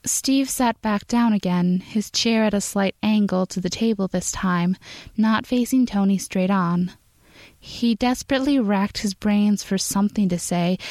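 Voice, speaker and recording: Woman, audiobook-style narration, measured, dry recording. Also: medium pitch, darkish tone, dry recording. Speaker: podfic reader. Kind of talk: scripted narration.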